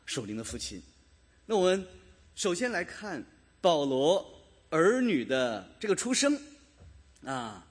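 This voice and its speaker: A man's voice: fairly high pitch, husky. A man preaching a sermon in a church, talking to his congregation, asking them questions and chuckling now and then. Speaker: pastor.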